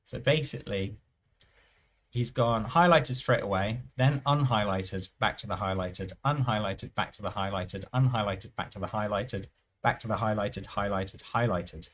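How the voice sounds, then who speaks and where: A man talks through live roulette play in a thinking-aloud commentary, his voice sitting on the low side. He muses at an unhurried pace, trailing off and restarting his phrases as he works things out. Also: fairly bright tone. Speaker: roulette strategy presenter.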